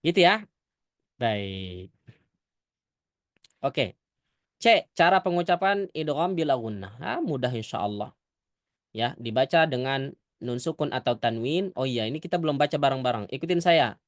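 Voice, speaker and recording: A man teaching Quran recitation rules, modelling verses slowly and correcting his students. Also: medium pitch, animated, no room sound, clean studio sound. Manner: corrective, demonstrates recitation slowly then explains quickly. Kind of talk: recitation lesson.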